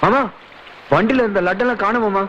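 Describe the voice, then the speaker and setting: An actor playing a naive, whining young nephew in a film comedy. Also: male voice, high voice, brisk, fairly bright tone, slight background noise. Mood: worried. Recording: dull film audio with music behind.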